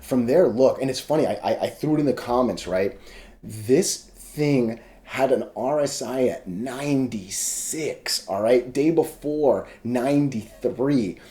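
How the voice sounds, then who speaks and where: This man's voice is mid-range, warm, and unhurried. Hiccuping as he goes, he rambles through a casual screen-share commentary on stock charts, interrupting himself constantly and using loose, salty slang.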